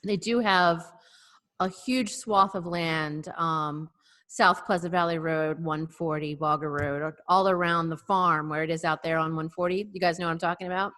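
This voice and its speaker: Speaking at normal speed in a low-pitched, steady voice with a bit of brightness, a woman co-hosts a podcast over a video call. She relates a story wryly and hesitantly, with plenty of fillers, in a casual chat.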